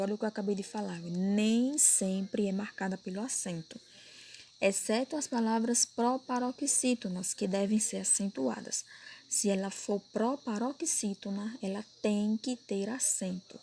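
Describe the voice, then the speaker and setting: A woman's voice: medium pitch, dark tone, a little hiss or hum. A woman with a Brazilian Portuguese accent teaching a recorded grammar lesson, patiently repeating points and checking that her pupils follow. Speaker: primary school teacher.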